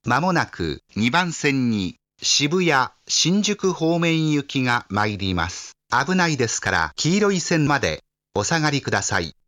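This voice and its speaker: A man making scripted railway platform announcements in a formal, measured, clearly enunciated manner. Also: medium pitch, big pitch swings, a bit bright, no room sound, studio quality, soft background music.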